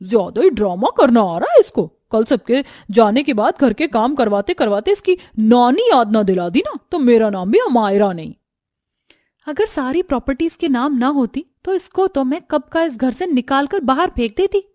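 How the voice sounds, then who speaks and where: A woman's voice: high voice, big pitch swings, normal speed, dark tone, no echo, clean studio sound. A woman voicing a cruel, scheming sister-in-law in a cartoon story, with harsh threatening talk.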